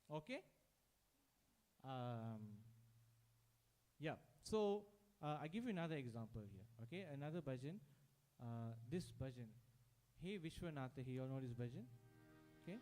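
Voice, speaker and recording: A man's voice: fairly high pitch, expressive, normal speed, pauses often, darkish tone. A man teaching a devotional singing workshop, who talks conversationally, breaks into sung examples and keeps checking in with his audience. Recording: music playing behind.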